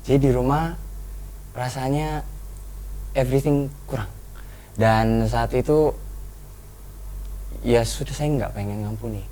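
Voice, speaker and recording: A young man telling a painful personal story on a talk show, earnest and halting. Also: mid-range voice, mellow, rough recording. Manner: earnest, reflective, halting with restarts. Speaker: guest.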